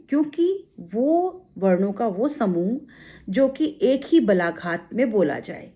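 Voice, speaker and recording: A woman's voice: a little high, mellow. A woman teaching an exam-prep grammar lesson. She explains step by step, asking rhetorical questions and giving examples.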